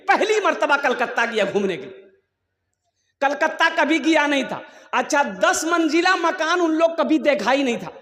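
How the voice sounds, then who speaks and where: A man preaching a sermon at a religious gathering, telling humorous anecdotes and breaking into shouts. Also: very high-pitched, big-room sound. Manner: storytelling, bursts into shouting. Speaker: Islamic preacher.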